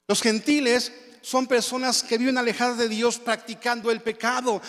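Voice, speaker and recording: A Mexican pastor in his forties delivers a sermon in a strikingly high voice. He preaches to his congregation and keeps checking in with a rhetorical tag question. A long reverb from the church hall trails each phrase. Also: fairly bright tone. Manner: preaching, frequent rhetorical "¿verdad?".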